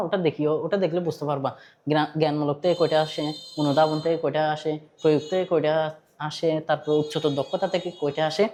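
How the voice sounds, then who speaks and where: Bangladeshi-accented physics tutor, chatty lecture, repeats and quizzes, mid pitch. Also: a little mellow, slight background noise. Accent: Bangladeshi Bengali. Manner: conversational, quizzes students, repeats points, mixes in English terms. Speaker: physics teacher. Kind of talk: online class lecture.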